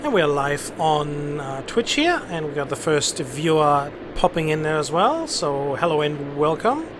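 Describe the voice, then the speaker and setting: A man's voice: on the high side, very animated, unhurried. A man hosting a casual live game stream, commentating and giving instructions as an air traffic controller.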